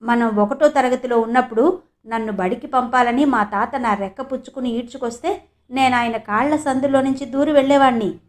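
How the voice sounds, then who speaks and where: A woman's voice: on the high side, a little fast, lightly acted. A woman voicing a young village man who talks in a raised, emphatic, pleading way in a storybook reading. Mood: earnest.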